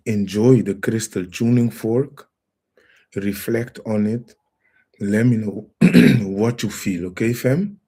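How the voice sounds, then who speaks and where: Slow, low-voiced man hosting a livestream. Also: dark tone, slightly rough. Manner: reads out viewer comments and greets the chat; calls listeners fam and family. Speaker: livestream host. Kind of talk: casual livestream lecture.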